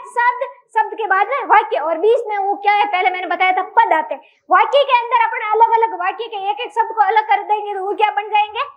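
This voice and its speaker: A woman's voice: extremely high pitch, fairly bright tone. A woman teacher with a Rajasthani Hindi accent, giving a classroom lecture and quizzing her class with question after question.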